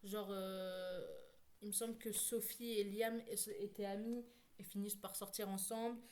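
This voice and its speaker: A woman book vlogger talking casually, rambling with many fillers and quick self-corrections. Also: medium pitch, little pitch movement, a little mellow. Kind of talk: casual chat.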